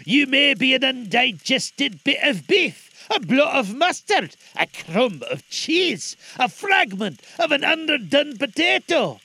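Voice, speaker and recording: A man voicing Scrooge, a frightened old miser who blusters loudly in a high voice. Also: very animated, slow pace, gravelly, few pauses, breathy edge, full character voice. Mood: blustering. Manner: high, agitated, loud.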